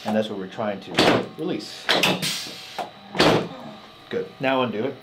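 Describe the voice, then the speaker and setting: Heavy background noise surrounds a lowish, unhurried male voice. He's a chiropractor in his thirties, chatting casually with a patient in a small treatment room, offering brief instructions and reassurance as he works.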